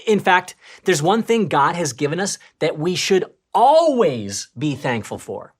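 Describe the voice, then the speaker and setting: A woman with a low voice co-presents a scripted children's church lesson. Her pitch swings widely as she tells the story, turning from excited to hushed. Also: unhurried, slightly rough.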